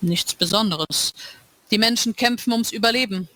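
A woman reading aloud, voicing a cold, all-knowing male world ruler who speaks slowly and calmly, like a lecture. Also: high voice, dry recording. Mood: calm lecturing. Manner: slow, calm and lecturing. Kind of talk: dramatic reading of a novel.

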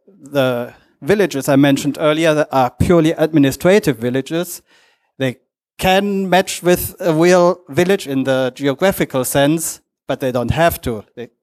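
A non-native English-speaking man gives a lightning talk at a conference, hesitating and halting as he speaks in short fragments. His voice is fairly high in pitch with a darkish tone.

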